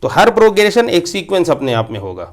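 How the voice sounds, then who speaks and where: Man teaching maths, slightly high voice. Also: very animated, fast. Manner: explains patiently, repeats key points, mixes English terms. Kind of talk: classroom lecture.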